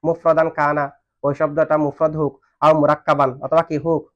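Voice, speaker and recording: On a dull lo-fi recording, a man with a somewhat high voice and little pitch movement teaches Arabic grammar briskly. He asks the class questions and waits for their answers.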